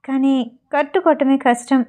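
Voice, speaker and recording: A shy young wife in a romance audio novel, playful and teasing, voiced by a woman narrator. The voice stays high and mellow. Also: steady tone, moderate pace, natural voice.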